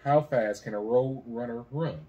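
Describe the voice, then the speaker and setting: A man's voice: mid-range voice, normal speed, mellow, muffled recording. A young man in casual podcast banter, slangy and profane, running a trivia quiz with friends. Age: young adult. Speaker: podcast co-host. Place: small indoor room at a table. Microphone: shared podcast microphone on table.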